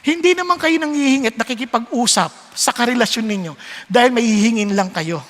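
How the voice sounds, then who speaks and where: A man preaching a sermon, storytelling with lively switches between Tagalog and English and acting out voices. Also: very high voice, brisk. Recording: long hall reverb.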